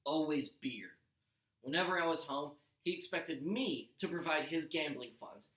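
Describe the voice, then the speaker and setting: Unhurried and animated, a man with a slightly high, somewhat bright voice narrates a story for children the way a teacher reads to a class. There's the odd stumble and self-correction in his expressive delivery, recorded in a room with noticeable echo.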